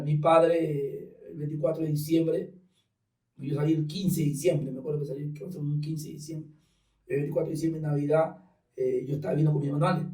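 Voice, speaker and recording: A man's voice: a little high, recorded from a distance. Man telling his testimony. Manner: animated storyteller acting out dialogue. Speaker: guest giving testimony. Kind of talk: personal testimony in conversation. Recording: roomy sound from off mic.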